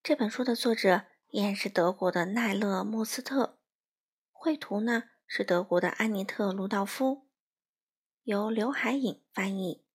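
A woman reading a children's picture book aloud to young listeners in a gentle, unhurried way. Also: mid-range voice, breathy edge.

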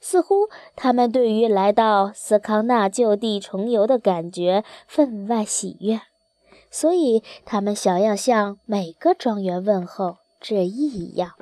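A woman reading a children's storybook aloud in a gentle, expressive storytelling manner. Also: medium pitch, a little slow, dry recording. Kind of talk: scripted children's story narration.

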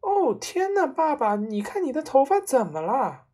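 A woman voicing an excitable young son who blurts out exclamations. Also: on the high side, a little slow, pitched above the performer's own voice. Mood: exclaiming.

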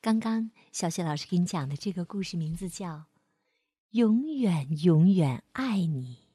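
A woman storyteller narrating a bedtime story for children, speaking gently and expressively and calling the listener "baby". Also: lowish voice, animated, unhurried, slightly rough, no echo.

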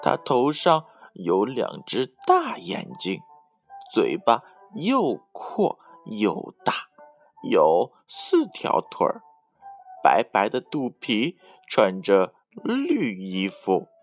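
A man voicing a group of eager young tadpoles, calling in high childlike tones over faint music. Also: huge pitch swings, very slow, exaggerated voice. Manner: high, pleading childlike calls.

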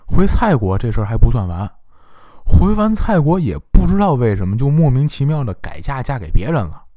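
A man's voice: medium pitch, sing-song, brisk, mellow. A man telling history in a colloquial, joking storytelling manner.

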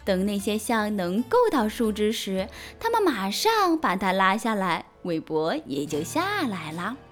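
A woman reading a children's story aloud as a storytelling mother, in a gentle, animated way. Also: medium pitch, unhurried, soft background music.

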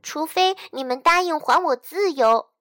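A woman's voice: high voice, measured pace, fairly bright tone, no echo, clean studio sound, faint music behind, pitched above the performer's own voice. A woman voicing a clever, bold young male hero in a storybook reading, speaking eagerly and confidently.

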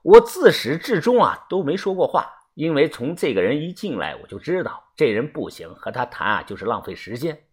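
A man narrating a first-person novel with lively storytelling and wry asides. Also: fairly high pitch, fairly quick, few pauses, breathy edge. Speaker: audiobook narrator.

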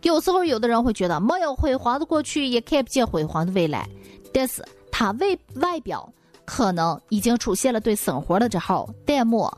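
A woman's voice: on the high side, sing-song, brisk, soft background music. A woman host telling comic stories in a folksy, exclamatory monologue.

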